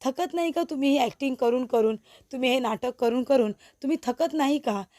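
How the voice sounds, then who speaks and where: A woman's voice: high voice, brisk, mellow, no echo, lightly acted. A woman reading as a defiant accusing young wife. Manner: accusing, blunt.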